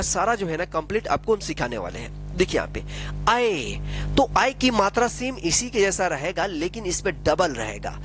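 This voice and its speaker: A man teaching a lesson, explaining slowly and patiently, often asking a question and then answering it himself. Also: high voice, a bit bright. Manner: repetitive, asks questions and answers them himself; slow, patient explaining with frequent tag questions.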